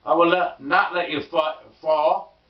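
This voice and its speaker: A man's voice: fairly high pitch, fairly even intonation, measured pace, lightly acted. A man voicing a mischievous, showy storybook cat in a tall hat, in a boastful sing-song voice. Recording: roomy, distant, dull sound.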